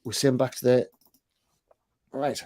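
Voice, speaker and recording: Over background noise, a chatbot developer with a medium-pitched, steady voice talks slowly on a casual screen-share livestream. He thinks aloud about his work while typing, chatty and colloquial, tossing in loose asides.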